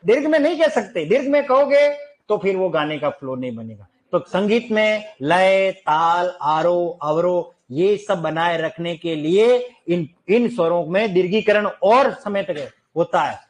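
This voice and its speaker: Man, high voice, classroom teacher, lively, sings examples, asks questions. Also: a little slow. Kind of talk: classroom lecture.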